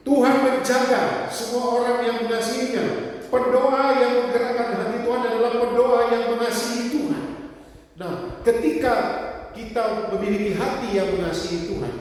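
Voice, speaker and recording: A man's voice: very high-pitched, fairly even intonation, moderate pace. A man preaching a sermon as a pastor, with emphatic delivery and acted-out voices of people in his stories. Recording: echoey hall, far from the mic.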